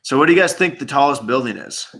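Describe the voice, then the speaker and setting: Bright-voiced young male streamer. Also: medium pitch, lively intonation, fast talker, vocal fry, low-quality recording. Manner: joking, laughs often. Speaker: live stream host. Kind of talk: casual group video chat. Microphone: video call.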